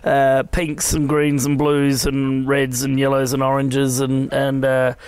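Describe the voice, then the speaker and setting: A man with a croaky voice from a cold, chatting casually and telling rambling anecdotes as a podcast guest. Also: medium pitch, completely flat delivery, a little slow, a little mellow, no echo. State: has a cold. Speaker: podcast guest, family business owner. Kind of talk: casual conversational interview.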